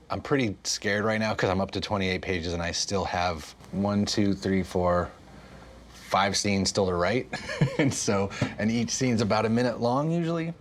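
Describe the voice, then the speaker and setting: A man's voice: low voice, a little hiss or hum. A man, a show's writer, talking candidly and casually, with some swearing and laughter. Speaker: writer and show creator. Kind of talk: casual behind-the-scenes talk.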